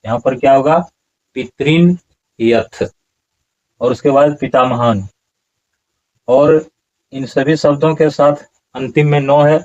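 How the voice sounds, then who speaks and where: A man teaching Sanskrit verse pronunciation in a slow, explanatory lesson, repeating words syllable by syllable. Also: mid-range voice, darkish tone, highs cut off.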